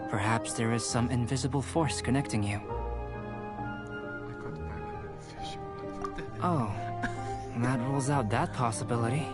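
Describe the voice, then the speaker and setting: Calm young scholar-alchemist voiced by a man, curious, detached, precise game dialogue over clear music. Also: mid-range voice, close to an everyday voice. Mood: pondering. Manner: measured, precise, clinical, formal. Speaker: game character, alchemist researcher. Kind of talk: video game voice acting.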